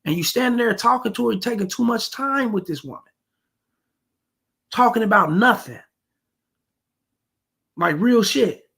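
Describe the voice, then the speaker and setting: A man's voice: high voice, lively intonation, unhurried, gravelly, pauses often, a bit bright, slightly rough. A man giving blunt, profane dating advice to the fellas while reacting to a street clip. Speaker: reaction commentator. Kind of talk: reaction commentary.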